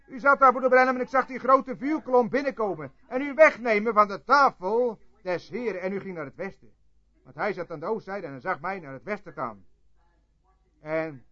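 A man preaching a sermon and telling a story, swinging between loud outbursts and hushed asides. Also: a little high. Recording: dull lo-fi tape recording.

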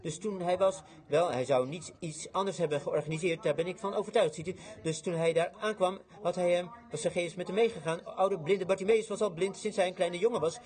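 A male preacher delivers a sermon as a dramatic story. His voice sits high, swinging from loud outbursts to quiet, hushed passages. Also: brisk, hardly any pauses.

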